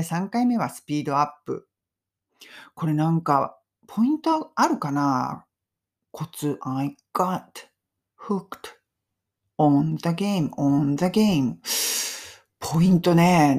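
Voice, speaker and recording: A woman with a fairly low voice hosts a casual podcast lesson on English phrases, chatty and upbeat. She laughs often and slows down to drill the phrases.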